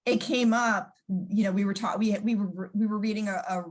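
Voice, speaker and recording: A woman's voice: mid-range voice, steady tone, brisk. A woman, chatting casually as an interview guest and telling stories full of fillers. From New York, USA. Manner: chatty storyteller with many fillers, acting out quoted voices.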